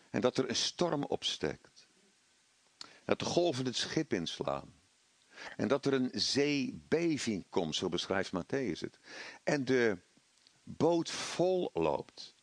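A middle-aged man preaching a sermon, animated, acting out voices of doubt and the devil. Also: fairly low pitch, no room sound.

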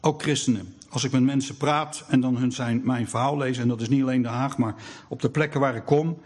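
A man's voice: medium pitch, steady tone, fairly quick, a little mellow, husky. A middle-aged man giving a sermon, telling stories in a conversational way with frequent hesitations. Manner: storytelling, conversational with many hesitations. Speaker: preacher.

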